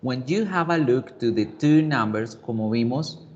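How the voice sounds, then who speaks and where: Slow, patient male English teacher. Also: medium pitch, lively intonation, a little mellow. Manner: slow, patient, explains step by step. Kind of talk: online class explanation. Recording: dull lo-fi sound, faint background noise.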